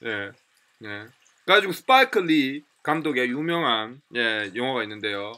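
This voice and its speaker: A man with a Korean accent teaching English pronunciation in a lively lecture, repeating and drilling example phrases. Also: mid-range voice, normal speed. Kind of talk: lively classroom lecture with demonstrations.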